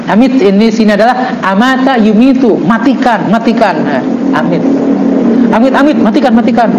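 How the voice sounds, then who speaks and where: A man teaching an Islamic book study. He reads Arabic text slowly, then explains it with joking asides. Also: high voice, echoey room, dull audio, background noise. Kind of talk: religious book study lesson.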